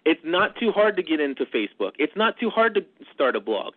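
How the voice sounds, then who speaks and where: A man's voice: a little high, brisk, dry recording. Man on tinny livestream headset audio. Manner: rambling, animated, repeats words when restarting. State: punchy from a long nonstop broadcast. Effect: narrow lo-fi livestream headset audio. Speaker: podcast consultant and host. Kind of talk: live podcast panel discussion. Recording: tinny, dry livestream line.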